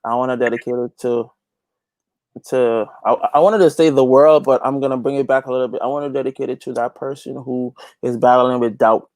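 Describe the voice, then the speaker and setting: In a conversational interview, a Guyanese youth pastor and gospel reggae singer testifies in an emphatic, preacher-like manner, repeating phrases to drive points home. He speaks briskly at medium pitch, with fairly even intonation and a slightly mellow voice. The recording is dry and the audio poor.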